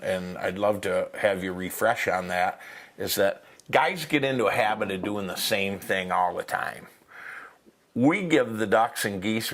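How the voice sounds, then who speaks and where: Lower-voiced man hosting a hunting talk. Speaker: host. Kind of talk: instructional chat on duck calling.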